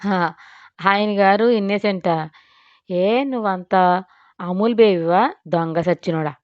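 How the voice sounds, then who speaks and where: A woman's voice: mid-range voice, unhurried, no room sound, lo-fi sound, natural voice. A woman voicing a feisty, spoiled young wife who scolds and teases in an audio story. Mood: scolding. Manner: scolding, teasing.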